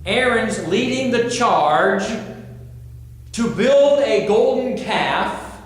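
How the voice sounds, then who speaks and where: Slow, earnest pastor in an echoey hall. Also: male voice, high voice, slight background noise. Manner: earnest, animated storytelling with rhetorical questions. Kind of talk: sermon.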